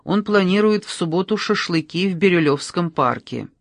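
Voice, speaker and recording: An audiobook reader giving scripted narration of a novel in an even, measured way. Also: mid-range voice, dry recording.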